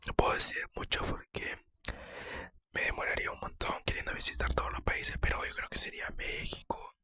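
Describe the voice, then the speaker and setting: A man speaking in a close-miked ASMR whisper, casually answering personal questions with hesitant, soft pauses.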